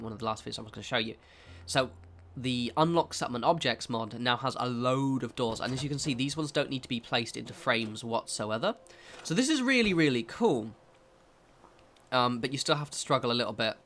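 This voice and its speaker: A game video creator, nasal and congested from a cold, talks through a game-building tutorial. He's chatty and rambling and keeps correcting himself. His voice is mid-range with a fairly bright tone, and there's slight background noise.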